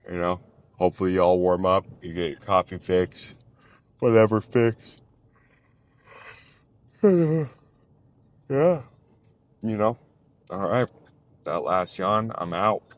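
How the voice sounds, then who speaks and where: A man's voice: low-pitched, fairly even intonation, moderate pace, pauses often. A man chatting loosely in a casual vlog while driving, rambling with lots of fillers. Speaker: vlogger. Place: in a car, driving.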